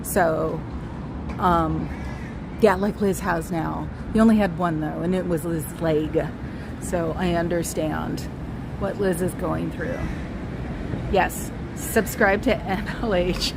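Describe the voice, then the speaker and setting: A livestreamer walking a San Francisco street is losing her voice, yet she keeps chatting, wandering off topic and hailing passers-by. Her voice is lowish with vocal fry, fairly even intonation and a slow pace, recorded outdoors against traffic noise.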